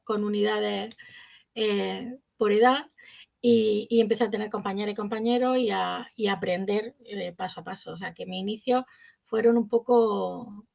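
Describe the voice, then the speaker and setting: A woman's voice: medium pitch, gravelly, a little mellow. A middle-aged woman teacher, reflectively recounting her career in an interview and acting out quoted dialogue. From Spain. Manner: storytelling, acts out quoted dialogue. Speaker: primary school teacher.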